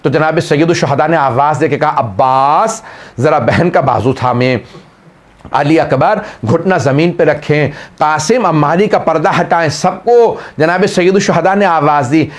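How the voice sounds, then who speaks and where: A man with a Pakistani Urdu accent delivering a mourning sermon, building to crying, wailing climaxes. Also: normal speed. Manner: rises to high wailing climaxes. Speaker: religious orator.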